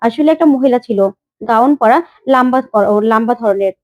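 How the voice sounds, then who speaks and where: A woman's voice: a little high, normal speed, darkish tone, no room sound, clean studio sound, lightly acted. A woman voicing a polite, deferential male shopkeeper answering questions.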